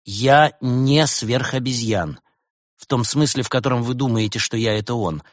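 A man's voice: mid-range voice, moderate pace, dry recording, studio quality, lightly acted. A man voicing an earnest young woman confessing she is from another world.

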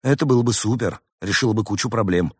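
A man's voice: lowish voice, fast, breathy edge, dry recording, clean studio sound. A man voicing a brash, joking male cat in a storybook reading, talking in cheeky slang.

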